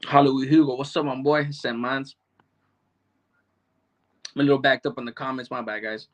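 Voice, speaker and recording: The recording is muffled as this middle-aged livestream host answers chat in a steady, mid-range voice at normal speed. He is from a Salvadoran background, raised in Chicano neighborhoods, and talks casually with streetwise slang, heavy swearing, and a habit of repeating himself.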